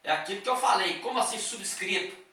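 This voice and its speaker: Teacher, male, high pitch, bright edge, leisurely lecturing pace; recorded far off in a roomy, reverberant space. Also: lively intonation, a little fast. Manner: explains step by step, with frequent "tá?" and "ó" checks. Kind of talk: classroom lecture. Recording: echoey room, voice from a distance.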